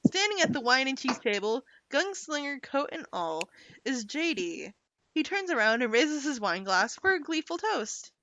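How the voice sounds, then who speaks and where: A woman narrating stage directions in a table read of a screenplay, with quick lively asides. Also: sits high, a little hiss or hum, poor audio.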